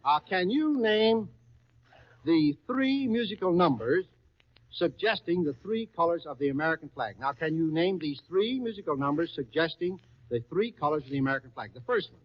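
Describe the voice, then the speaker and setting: On a muffled, lo-fi radio broadcast from 1939, a quiz show host eggs contestants on with repeated questions and exclamations. He speaks into a stage microphone before a studio audience, his fairly high voice animated and moderately paced.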